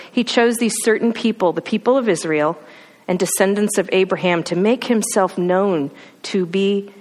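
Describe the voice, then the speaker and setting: A woman's voice: mid-range voice, long reverb tail. A woman preaching a sermon, telling the story with emphatic lists and rhetorical questions.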